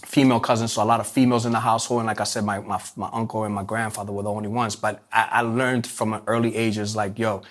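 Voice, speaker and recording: A man from Puerto Rico, telling his life story in an interview with many fillers and restarts. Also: fairly low pitch. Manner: halting, many restarts and fillers, streetwise phrasing. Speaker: interview guest.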